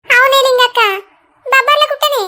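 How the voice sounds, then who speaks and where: A frantic cartoon grandmother with a Telangana Telugu accent begs for help finding her grandson. The voice is extremely high and glaringly bright. She sounds anxious and pleading. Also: little pitch movement, fairly quick. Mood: worried. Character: worried village grandmother searching for her grandson.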